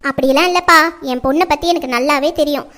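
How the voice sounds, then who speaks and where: Casting: woman as fretful, lecturing mother, very high and piercing, family drama. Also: fast talker, bright, forceful tone. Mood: persuading. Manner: scolding, lecturing. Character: nagging middle-aged mother, strict and fretful.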